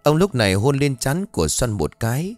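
Brief: lively-voiced male storyteller, dry close sound, faint music underneath. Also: medium pitch, moderate pace, dry recording. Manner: expressive, dramatic storytelling. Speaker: audiobook narrator. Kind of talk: story narration.

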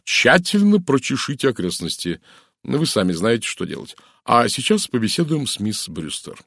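Man voicing authoritative chief constable, audiobook; dry close read, methodical and measured. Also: mid-range voice, sing-song, a bit bright, husky, no room sound, voice pushed up, full character voice. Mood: reasoning. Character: methodical middle-aged male chief constable. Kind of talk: audiobook character reading.

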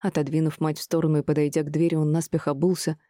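Low, mellow woman narrating a novel. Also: fast talker, dry recording, studio quality. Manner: expressive, even storytelling. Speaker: audiobook narrator. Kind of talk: dramatic audiobook narration.

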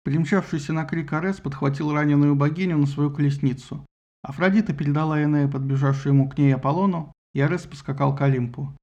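Guy reading a funny myth audiobook, wry and lively, kinda gravelly. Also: a little high, fast talker, dull audio. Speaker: narrator. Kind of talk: humorous audiobook narration.

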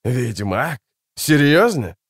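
A cruel, menacing older bounty hunter, voiced by a male reader. He growls and sneers his threats with wide swings in pitch, close to a dry mic. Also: sing-song, takes it slowly, husky, dry recording, full character voice. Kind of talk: audiobook character voice.

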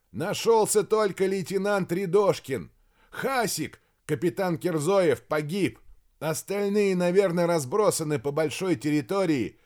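A man voicing a commanding army major who shouts urgent, clipped orders. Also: sits high, pitched above the performer's own voice.

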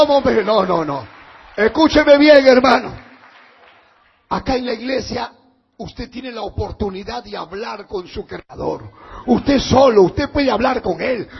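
Male pastor, shouting sermon delivery, very high pitch, gravelly and husky. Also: lo-fi sound. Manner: shouting, emphatic preaching. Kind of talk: fiery Pentecostal sermon.

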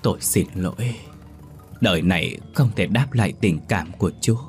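A man's voice: low-pitched, darkish tone, soft background music, close to an everyday voice. Man voicing a dying young woman's faint farewell. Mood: faint tender. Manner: faint, slow, halting farewell.

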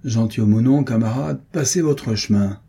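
A man reading an audiobook, voicing a rough, hostile male coachman who is quick to threaten. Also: mid-range voice, warm tone. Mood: surly.

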